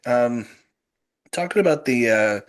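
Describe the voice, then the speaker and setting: A man from just north of the city, hosting a podcast and chatting eagerly, halting and laughing often. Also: mid-range voice, lively intonation. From North Shore of Boston, USA. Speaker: podcast host. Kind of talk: casual interview chat.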